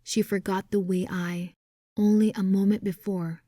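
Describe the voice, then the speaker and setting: A woman narrating a first-person romance audiobook in a hushed voice that often drops to a whisper. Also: medium pitch, level tone, a little slow, dry recording, studio quality.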